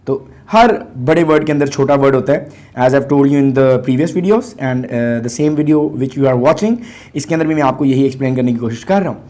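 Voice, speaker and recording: A man's voice: mid-range voice, moderate pace, dark tone. A man with a Pakistani accent teaching an English class, breaking words into letters and sounding them out, switching between Urdu and English. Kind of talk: classroom lesson explaining pronunciation and grammar.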